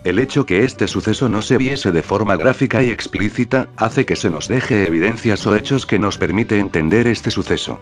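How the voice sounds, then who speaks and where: Deep-voiced guy reading his analysis script, formal and steady, quiet music behind. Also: normal speed, few pauses. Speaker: video essayist. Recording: soft music underneath.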